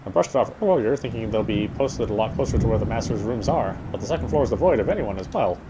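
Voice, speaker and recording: Over very noisy game music, a man with a lowish voice narrates the story text of a horror game, animated and fast. Now and then he trips over a line and goes back to reread it, playing it up dramatically as he goes.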